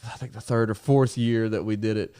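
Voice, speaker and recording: A man's voice: fairly low pitch, fairly quick, smooth. A man on a casual podcast, telling rowdy stories full of swearing and laughter. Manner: animated, swearing, laughing storyteller. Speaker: podcast guest. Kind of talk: casual profane storytelling.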